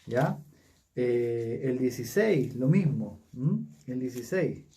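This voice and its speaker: A man with a Chilean Spanish accent leading a casual Bible study, talking haltingly with many fillers and tag questions. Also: medium pitch, animated, warm tone, recorded from a distance.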